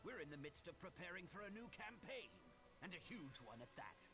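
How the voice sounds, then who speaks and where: A man's voice: high-pitched, very animated, brisk, music in the background. A man playing a brash but easily cowed imperial soldier in a video game. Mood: brisk, scoffing. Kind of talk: video game cutscene acting.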